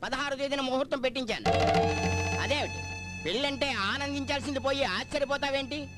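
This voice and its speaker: A man's voice: extremely high pitch, brisk, over loud music. An actor playing a bossy middle-aged father who barks orders about a wedding, in a film comedy scene. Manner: commanding, brusque, orders people about.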